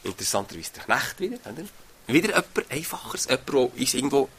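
A man's voice: medium pitch, very animated, fast, fairly bright tone, breathy edge. A man preaching a sermon on a Bible passage, talking conversationally and often tagging phrases with a questioning "oder?".

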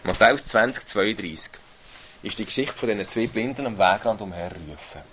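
A man's voice: fairly low pitch, expressive, brisk, fairly bright tone, a little hiss or hum. A man giving an earnest sermon, reading Bible passages aloud and often adding tag questions. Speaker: preacher.

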